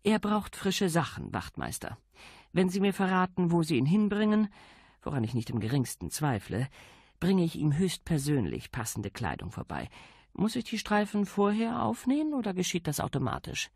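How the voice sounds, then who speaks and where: A man voicing a grand, ample aristocratic lady, imperious and briskly polite. Her voice sits high and swings with lively melody. The read is dry and close. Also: gravelly, breathy edge, no echo, full character voice. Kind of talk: audiobook character voice.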